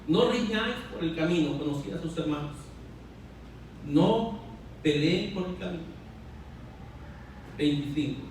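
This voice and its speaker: Man, high-pitched pastor, dramatic sermon retelling, recorded from a distance. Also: a little hiss or hum. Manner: dramatic retelling, acting out quoted lines. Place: church hall. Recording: echoey hall, mic from a distance.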